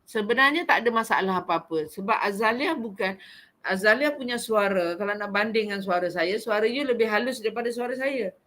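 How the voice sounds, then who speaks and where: A woman's voice: mid-range voice, brisk. A middle-aged woman with a Malaysian Malay accent, a vocal recitation teacher talking frankly and expressively to her class. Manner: expressive, frank, animated and talkative. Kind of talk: conversational class talk.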